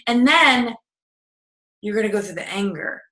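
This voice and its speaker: This personal growth coach has a mid-range voice with lively intonation and a bright, forceful tone, and she takes her time. Chatting conversationally in a recorded video lesson, she repeats and acts out inner self-talk, with echo from the room.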